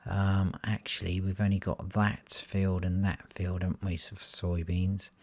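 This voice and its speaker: A man's voice: low-pitched, little pitch movement, a little slow, darkish tone, no echo. A man hosting a farming game series, talking casually and thinking aloud as he plays. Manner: chatty, thinks aloud, changes mind mid-sentence. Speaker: gaming channel host. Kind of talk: casual gameplay commentary.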